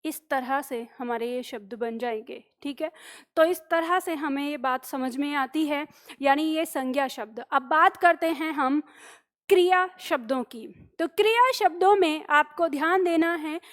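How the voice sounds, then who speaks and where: A woman's voice: high-pitched, a little slow. A woman teaching a grammar lesson, patiently explaining rules, repeating example words and checking in with her students.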